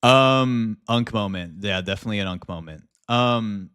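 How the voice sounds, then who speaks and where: A man's voice: fairly low pitch, moderate pace, fairly bright tone, clean tone. A man livestreaming in a casual chat with viewers, speaking informally with slang and some swearing. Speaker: live streamer and video creator.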